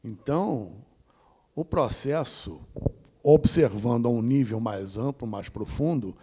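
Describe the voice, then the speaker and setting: A man's voice: medium pitch, expressive, slow pace, warm tone, husky. A man with a Brazilian accent giving a discursive esoteric lecture and often ending points with a tag question. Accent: Brazilian Portuguese.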